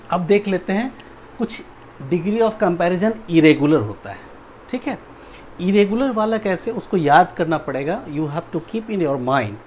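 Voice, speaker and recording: A man's voice: high-pitched, slight background noise. A male teacher giving a grammar video lecture, spelling words out letter by letter and often asking whether the class has understood. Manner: keeps checking understanding with "ठीक है" and "समझ में आया?".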